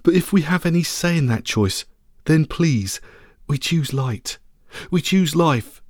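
A man's voice: fairly high pitch, animated, a little slow, dry recording, studio quality, voice pushed up. A man voicing a small, pleading terrier dog. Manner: earnest, pleading.

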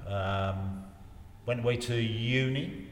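A man's voice: medium pitch, fairly even intonation. Older man in an echoey room. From Wiltshire, England. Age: 60s. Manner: rambling, repeats phrases, halting. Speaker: interview guest in local politics. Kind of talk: casual life-story reminiscing. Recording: roomy reverberant space, faint background noise.

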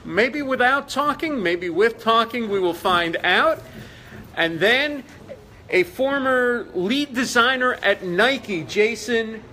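A man with a high, bright voice hosts live red carpet chatter. He sounds upbeat and promotional, announcing what is coming up. There is faint ambient noise around him. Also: expressive, slow. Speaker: red carpet livestream host.

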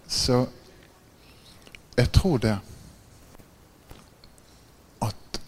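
A man preaching a sermon, telling stories with growing excitement, laughing often and checking in with listeners by asking "right?". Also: breathy edge. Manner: gets louder and higher in excited passages. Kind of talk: sermon with animated storytelling.

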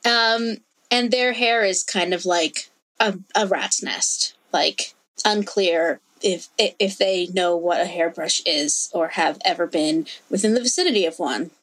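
A woman's voice: lowish voice, unhurried, fairly bright tone. A woman playing a tabletop game, speaking casually and hesitantly with fillers.

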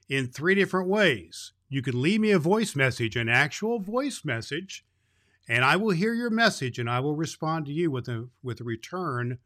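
A man plays Santa Claus as a jolly, grandfatherly old fellow hosting a Christmas story show, speaking kindly and haltingly to children. His voice is a little high and a bit bright, and his talk is unscripted and folksy, aimed at young listeners.

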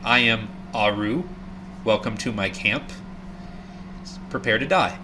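A man's voice: lowish voice, slow pace, noisy background. A man voicing a smug, mock-polite hobgoblin camp boss in a tabletop game. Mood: mock-gracious. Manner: chatty, mock-polite menace.

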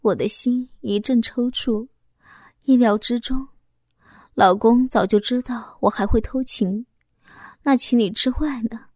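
A woman's voice: fairly high pitch, unhurried, a little mellow, no room sound. A woman narrating a first-person story in an intimate, confessional way, reading close to the mic. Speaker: audiobook narrator.

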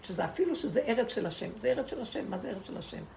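A woman's voice: fairly high pitch, lively intonation, creaky, darkish tone, slight background noise. A woman giving an impassioned spiritual lesson to a group, asking rhetorical questions and repeating words for emphasis. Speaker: Torah teacher.

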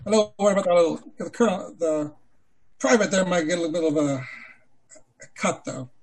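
A male tabletop player with a rather high, husky voice. He talks casually, moving between game chat and speaking as his character. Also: brisk.

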